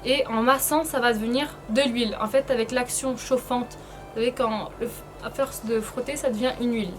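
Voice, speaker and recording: A woman's voice: a little high, fairly even intonation, fairly quick, music in the background. A woman giving a casual, chatty beauty tutorial, hesitant and informal, her speech slightly impeded by painful braces. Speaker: beauty vlogger presenting a tutorial.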